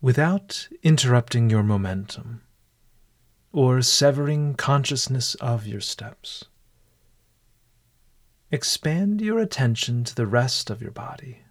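A man leading a guided walking meditation in a calm, deliberate, measured way. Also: mid-range voice.

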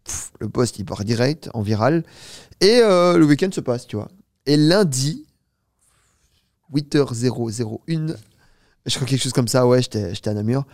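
Recorded dry and at studio quality, a mid-range male voice belongs to a startup founder in his twenties. As a guest in a casual interview, he tells an extended story fast and animatedly, sprinkling in fillers and many "tu vois" ("you see").

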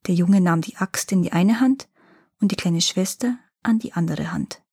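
A woman storyteller reading a fairy tale aloud in a calm, even manner, with a slightly husky voice. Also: fairly low pitch, moderate pace, no room sound, studio quality. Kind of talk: scripted fairy-tale narration.

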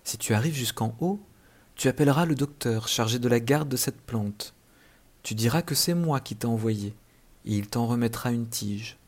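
A man voicing a kind female fairy in a storybook reading, speaking softly and gently. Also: mid-range voice, normal speed, close to an everyday voice. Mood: gentle. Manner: soft, gentle.

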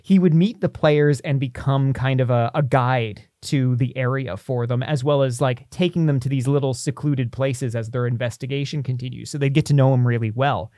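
Low-voiced man chatting on a podcast. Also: fairly even intonation, normal speed, few pauses, dark tone, dry recording, studio quality. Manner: conversational, thinking aloud. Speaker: podcast co-host. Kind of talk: casual podcast talk, pitching a tabletop game character.

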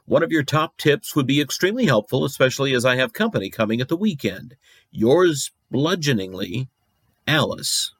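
An actor playing a cranky, darkly comic radio host presenting a late-night show in a deadpan, muttering manner. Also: male voice, a little high, dry recording. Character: marooned eccentric male radio agony uncle, cranky, darkly comic.

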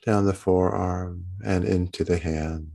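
A man leading a guided body-scan meditation as a gentle, soothing bedtime narrator, leaving long pauses between phrases. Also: sits low, fairly even intonation, vocal fry.

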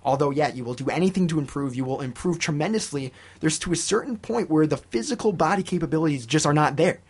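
A man's voice: fairly high pitch, lively intonation, quick pace, husky. A man hosting a sports radio talk show from the studio, asking long, rambling questions.

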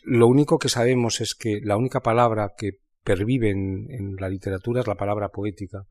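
Man from Spain, writer, reflective talk, halting restarts, fairly low voice. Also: fairly even intonation, a little mellow. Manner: thoughtful, halting, many restarts and fillers. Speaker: writer in conversation. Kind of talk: reflective literary conversation.

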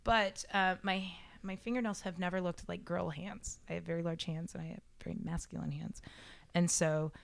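A woman's voice: lowish voice, flat delivery, normal speed, gravelly. A woman guest on a podcast, chatting casually and self-deprecatingly with many fillers. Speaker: podcast guest, robotics club founder.

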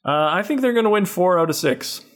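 A man co-hosting a casual hockey podcast, his voice sitting a little high for a man. He talks in animated bursts, laughs often and slips into mocking asides. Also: fairly quick. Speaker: podcast co-host. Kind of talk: casual sports chat.

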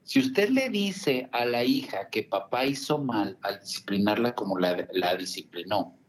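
A man's voice: lowish voice, lively intonation, a little slow, slight background noise. A man, working as a family counselor and speaking as a guest on a radio talk show. He tells stories in a chatty way, with many asides and tag questions.

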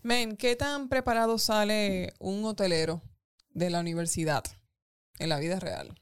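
A woman's voice: mid-range voice, unhurried, clear, resonant tone. A woman co-hosting a casual podcast chat, asking direct questions and making brief interjections. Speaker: podcast co-host.

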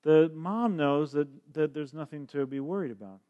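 A man's voice: on the high side, a little slow, highs cut off. A man interpreting a sermon into English live, often restarting and repeating words as he looks for the right phrase.

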